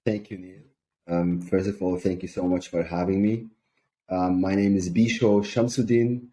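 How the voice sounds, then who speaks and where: A man from Syria, a sales coach, speaking calmly and measuredly as an interview guest, with frequent ums. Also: low voice, normal speed.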